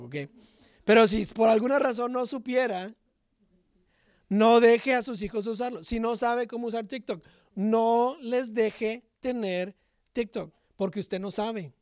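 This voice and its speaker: High-voiced man preaching a lively sermon. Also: moderate pace, no room sound, clean studio sound. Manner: animated, direct, asks the congregation rhetorical questions. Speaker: pastor.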